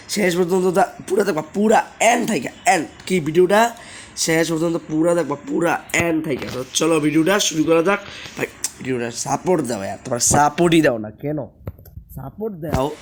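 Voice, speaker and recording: A young man, hoarse from a sore throat, chatting casually as he plays a game and keeps asking viewers to subscribe. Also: fairly high pitch, fairly bright tone, slight background noise. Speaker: gaming channel host. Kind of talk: casual gameplay commentary.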